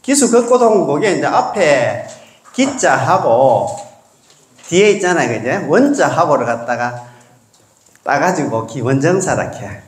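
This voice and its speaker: Here a male Buddhist monk leads a class, speaking casually with a lilt in a fairly high voice that rises and falls a great deal. Over a noticeable room echo, he keeps checking that his audience agrees.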